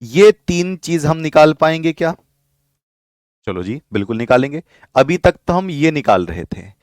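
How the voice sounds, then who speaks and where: A man's voice: a little high, big pitch swings, unhurried, no echo. A man teaching a live online chemistry class, explaining patiently, repeating key points and asking his students to reply.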